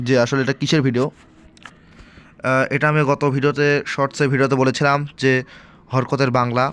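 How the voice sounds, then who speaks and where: Brief Male Arabic teacher, mid pitch, patient, slow repetitions of each sound. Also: a bit bright. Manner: patient, repeats sounds slowly for practice. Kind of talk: informal recorded lesson.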